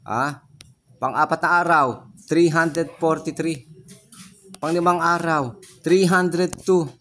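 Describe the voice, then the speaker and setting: A man's voice: fairly high pitch, steady tone, slow pace, a bit bright, a little hiss or hum. Frustrated swearing Filipino man. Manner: frustrated, swears constantly, repeats himself. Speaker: trading vlogger. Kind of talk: casual screen-share commentary.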